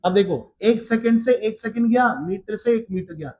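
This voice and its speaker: A man teaching a physics lecture, working slowly through the steps and often checking that his students follow. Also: high voice, muffled recording. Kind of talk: classroom lecture.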